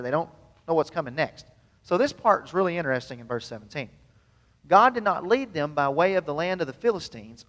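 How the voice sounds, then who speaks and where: A man's voice: on the high side, a bit bright. A man, preaching a sermon as pastor in a folksy, self-deprecating way and asking the congregation questions. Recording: long hall reverb.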